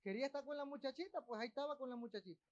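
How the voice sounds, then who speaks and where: A man's voice: very high voice, racing, lo-fi sound. A man preaching a sermon as pastor of a church, breaking off with asides to the congregation. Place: church in Texas.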